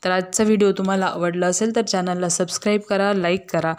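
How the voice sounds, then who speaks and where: A woman narrating a classic story in a steady, measured reading voice, slowing down for verse. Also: mid-range voice, clear, resonant tone.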